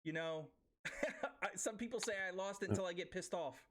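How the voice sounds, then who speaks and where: Man, 40s, New York accent, podcast host, high voice, chatty. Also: fairly quick, a bit bright, slight background noise. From Brooklyn, New York. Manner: chatty, friendly banter. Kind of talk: casual interview chat.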